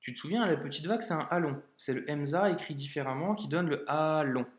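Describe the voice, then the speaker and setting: A man teaching Arabic reading in an informal video lesson, speaking directly and encouragingly to the learner and slowly sounding out each word. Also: on the high side, reverberant. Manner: slows down to sound out words carefully.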